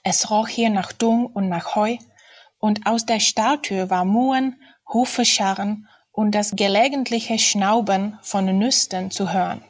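A woman reads a children's fairy-tale novel aloud at an unhurried pace. Her delivery is deliberate and steady, in a storytelling manner. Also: medium pitch. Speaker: reader. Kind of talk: audiobook-style reading of a children's novel.

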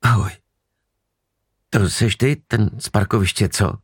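A man's voice: lowish voice, breathy edge, no echo, studio quality, pitched above the performer's own voice. A man voicing a terrified young woman who pleads desperately with her captor in an audiobook. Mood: nervous. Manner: desperate, wheedling, breathless pleading. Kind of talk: audiobook character voice.

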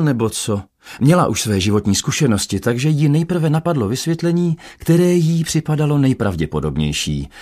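A man narrating an audiobook with lively storytelling. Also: mid-range voice. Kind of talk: audiobook reading.

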